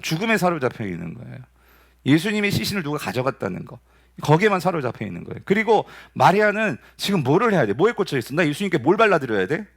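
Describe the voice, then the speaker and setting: A man in his forties preaching a sermon as pastor, asking the congregation questions and answering them himself. He jumps high with excitement, then drops to soft, tender calls. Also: quick pace, gravelly.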